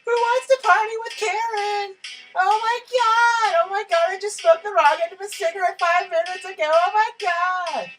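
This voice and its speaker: A woman voicing an excitable, melodramatic young party-girl sock puppet in a goofy comedy, gushing like a valley girl. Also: extremely high pitch, normal speed, over music, voice pushed up, poor audio. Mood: gushing, excited.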